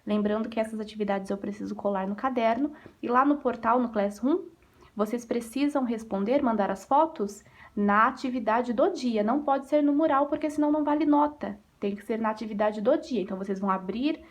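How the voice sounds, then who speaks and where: Patient Brazilian teacher explaining exercises. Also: female voice, a little high, brisk. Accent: Brazilian Portuguese. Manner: patient, explanatory, asks and answers her own questions. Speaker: primary school teacher. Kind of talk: recorded remote class lesson, going over exercises.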